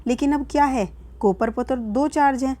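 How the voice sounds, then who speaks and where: A woman's voice: high voice, normal speed, warm tone. A woman science teacher with an Indian accent, patiently taking students through a worksheet, asking questions and answering them herself. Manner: patient, asks and answers her own questions, calls students "beta". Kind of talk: worksheet walkthrough lesson.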